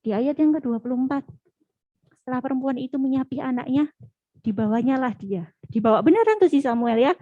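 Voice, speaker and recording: A young woman giving a casual youth sermon, chatty, acting out quoted dialogue in lively voices. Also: high-pitched, brisk, dry recording, lo-fi sound. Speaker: youth preacher.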